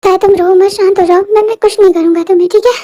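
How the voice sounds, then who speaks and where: A very high-voiced reader playing a remorseful young man who pleads to be forgiven. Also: steady tone, fast talker, mellow. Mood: apologetic. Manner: pleading, apologetic.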